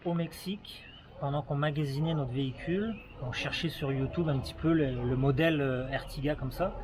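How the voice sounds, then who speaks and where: A slightly high voice, a little fast, with a crowd in the background along with outdoor noise and vehicle sounds. The speaker, a travel vlogger in his thirties with a Québécois French accent, casually shows off a new car and its features, often hesitating with fillers and restarts.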